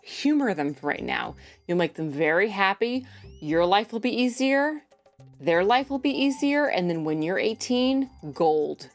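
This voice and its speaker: A woman's voice: mid-range voice, animated, a little slow, faint music behind. A drunk young woman rambling in a rowdy party-animal way, repeating herself and swearing in a casual livestream chat.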